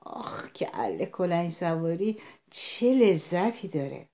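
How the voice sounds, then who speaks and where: A woman voicing a dreamy squirrel, speaking softly and low. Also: animated.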